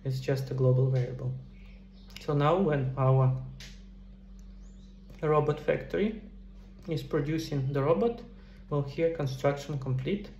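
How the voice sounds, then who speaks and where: Seated at a computer in a small room, a middle-aged man casually talks through game development steps into a headset for a screen-recorded tutorial. His voice is a little high and a little mellow, unhurried and broken by long pauses. Expect a roomy echo and faint background noise.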